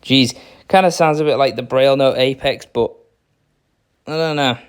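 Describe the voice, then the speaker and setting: Young guy rambling thru phone settings, clean smooth voice, kinda unsure. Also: medium pitch, moderate pace. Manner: rambling, unsure, lots of fillers. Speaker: phone reviewer. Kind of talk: casual screen-recorded demo.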